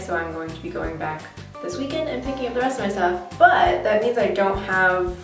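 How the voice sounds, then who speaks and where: A woman's voice: medium pitch, distant mic. A young American woman chatting casually and informally to camera as a vlogger, recorded in an echoey bathroom. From Connecticut, USA. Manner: talky, informal. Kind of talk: casual chatty tag video. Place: small bathroom, indoors.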